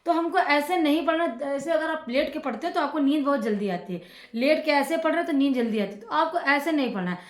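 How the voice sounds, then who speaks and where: A woman teacher giving informal study advice to students, in a chatty way that repeats phrases and fills pauses with "ok". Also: high voice, echoey room. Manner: conversational, repeats phrases with frequent fillers and "ok".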